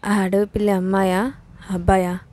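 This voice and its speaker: A woman voicing a quick-tempered, childlike young bride in a storybook reading. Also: mid-range voice, flat delivery, darkish tone, close to an everyday voice. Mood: fiery, petulant.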